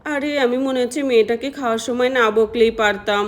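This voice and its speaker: A woman voicing a brisk, scolding but caring mother in a doll-play story. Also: fairly high pitch, close to an everyday voice. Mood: worried.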